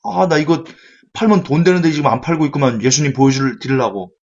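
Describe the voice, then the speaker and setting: A man's voice: on the high side, fast, a little mellow, muffled recording, voice pushed up. A man voicing a boastful male churchgoer who pleads and brags in a raised voice.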